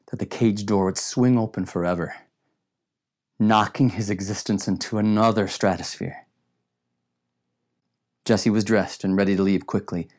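A man narrating an audiobook in a measured, reflective way. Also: lowish voice, darkish tone. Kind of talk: scripted narration.

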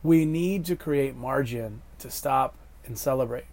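A man in his thirties with a hoarse, smoker-like rasp, giving a scripted inspirational reflection in an earnest, measured way. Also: medium pitch, a little mellow. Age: 30s. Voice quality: hoarse, raspy like a chain smoker. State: hoarse from yelling at a game. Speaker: host giving a faith reflection.

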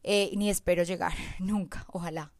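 A woman, a mother talking calmly and candidly to viewers in a casual monologue about handling her emotions. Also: on the low side, normal speed, no echo, clean studio sound. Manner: calm, candid, reflective. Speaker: mother sharing parenting advice.

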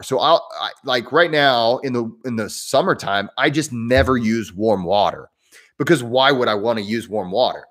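A mid-range male voice with a southern Indiana accent hosts a casual livestream, answering viewer questions. He rambles and chats, often restarting his sentences.

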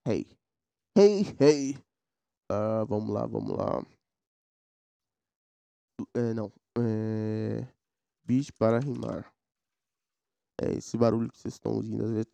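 A slightly slow, creaky voice on the low side belongs to a podcast host in his 20s from São Paulo, Brazil. He keeps a level, dark tone, pauses often, and wanders between topics in slang on his casual solo show. The dry recording was made at home with a mechanical keyboard, through a sound card.

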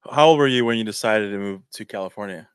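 Male podcast host, low voice, halting casual delivery, dry close recording. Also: clear, resonant tone, dry recording. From Mexico. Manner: halting, many restarts and fillers. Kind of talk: casual interview talk.

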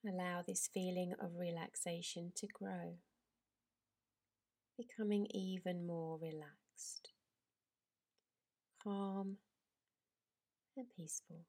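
A woman yoga teacher leading a guided relaxation in a slow, soft, soothing voice that drifts into whispers. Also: lowish voice, steady tone.

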